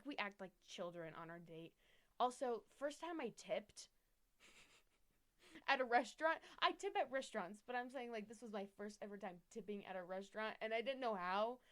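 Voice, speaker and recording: A young woman co-hosting a podcast, telling a dating story in casual chat with frequent laughs. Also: fairly high pitch. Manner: giggly, rambling storyteller. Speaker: podcast co-host.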